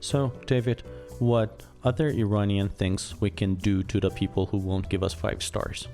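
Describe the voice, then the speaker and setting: Very deep-voiced man with dry quips. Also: fairly even intonation, moderate pace, mellow, faint music behind. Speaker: podcast co-host. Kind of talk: casual late-night chat.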